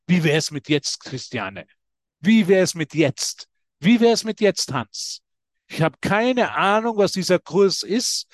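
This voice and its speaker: A man giving a lively spiritual talk to a group, preaching and calling listeners by name. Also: on the high side, dry recording, studio quality. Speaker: spiritual teacher.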